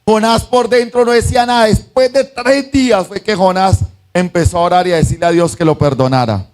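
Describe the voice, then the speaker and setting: A man's voice: high voice, a little fast. A man preaching a sermon as pastor, acting out voices from the story and asking his congregation questions. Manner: animated, acts out the voices of the story; asks the congregation "¿sí o no?".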